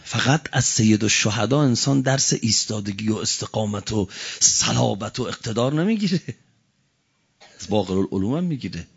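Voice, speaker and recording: A man's voice: fairly low pitch, animated, creaky, husky. Male cleric preacher, fiery sermon, dull lo-fi sound. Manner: fiery oratory, swinging from quiet to shouting; chants Arabic quotations slowly. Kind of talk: religious sermon.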